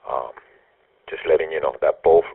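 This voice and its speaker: A man reporting to a net control station during a casual ham radio net, talking haltingly with frequent ums, heard over a thin, static-laden radio transmission. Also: a bass voice, steady tone, vocal fry, slightly rough, no echo. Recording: distant, dry, phone-like radio audio.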